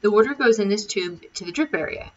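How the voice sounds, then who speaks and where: A woman's voice: medium pitch, lively intonation, quick pace, highs cut off, very noisy, lightly acted. A woman doing a breezy know-it-all handyman. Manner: breezy, rattling off details.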